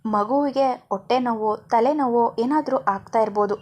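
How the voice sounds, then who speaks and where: Woman voicing a calm, caring young mother. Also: on the high side, moderate pace, breathy edge. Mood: reassuring.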